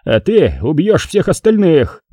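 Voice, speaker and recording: A man voicing an enraged gang boss in an audiobook, speaking in a raised, growling shout. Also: medium pitch, very animated, normal speed, no echo, studio quality. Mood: furious. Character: furious gang boss, middle-aged man, volatile.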